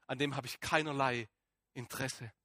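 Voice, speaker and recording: A man playing the Apostle Paul in a dramatic first-person sermon, emotional and halting, moving between excited outbursts and hushed awe. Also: mid-range voice, dry recording, clean studio sound, close to an everyday voice. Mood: awed, fervent. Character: Apostle Paul as a man, shaken and fervent, recounting his conversion.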